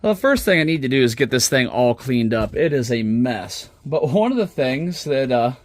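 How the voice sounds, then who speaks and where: With a medium-pitched, sing-song voice and a moderate pace, a male hobbyist talks through his project in a loose, unscripted show-and-tell, musing aloud as he goes. A smartphone camera at the workbench records him, and there's no room sound.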